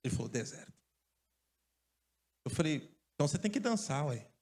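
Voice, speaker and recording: A male pastor from Brazil preaching a lively sermon, joking and calling out to his congregation. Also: a little high, rapid-fire, husky. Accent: Brazilian Portuguese. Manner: lively, joking storyteller who calls out to the congregation. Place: church stage.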